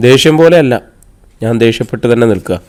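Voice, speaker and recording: A man's voice: medium pitch, expressive, quick pace, a little mellow, natural voice. A man reading the part of a preachy older sister who lectures her brother with sarcasm. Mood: lecturing.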